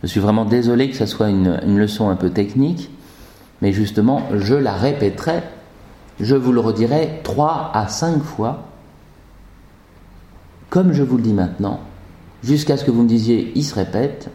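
A man teaching a Latin lesson, patient and chanting declensions slowly, in an echoey room. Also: on the low side, dark tone. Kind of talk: classroom lesson.

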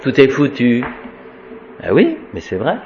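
A man teaches Latin grammar at an unhurried pace. He talks in a wry, chatty way and recites declension forms aloud as drills. The recording sounds dull and lo-fi. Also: medium pitch, wildly swooping pitch, darkish tone, slight background noise. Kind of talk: informal Latin grammar lesson.

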